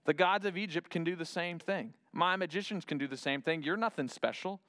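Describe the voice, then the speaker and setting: A man's voice: fairly high pitch, a little fast, fairly bright tone, no echo, studio quality, voice pushed up, close to an everyday voice. A man voicing a scoffing, proud king in a casual retelling of a Bible story. He speaks in a mocking, dismissive way.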